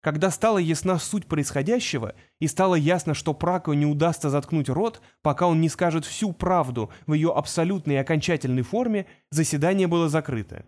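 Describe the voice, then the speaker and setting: A man narrating an audiobook in a brisk, wry storytelling manner. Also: fairly high pitch, darkish tone. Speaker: audiobook reader. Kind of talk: scripted narration.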